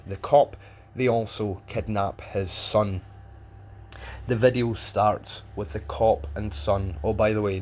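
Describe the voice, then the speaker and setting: A man giving casual, unscripted commentary in a blunt, rambling, sweary way. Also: fairly low pitch. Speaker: narrator explaining a violent video.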